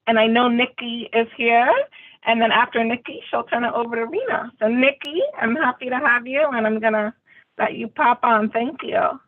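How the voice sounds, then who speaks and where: A woman's voice: a little high, steady tone, normal speed, narrow, tinny audio. A woman chairing an online meeting, friendly and welcoming as she runs through the agenda. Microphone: video call.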